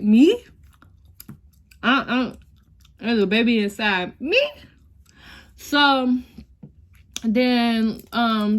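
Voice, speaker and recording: Over some background noise, a fairly high-pitched young woman opens up to her audience in a vlog. Her tone is relaxed and conversational as she tells a personal, emotional story, frequently saying y'all and occasionally on the verge of tears.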